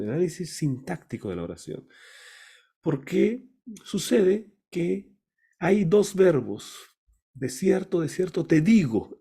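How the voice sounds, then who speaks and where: A male pastor leads a Bible study, his voice husky and mellow but pitched fairly high. He explains step by step and keeps asking his listeners rhetorical questions. Now and then he drifts away from the mic.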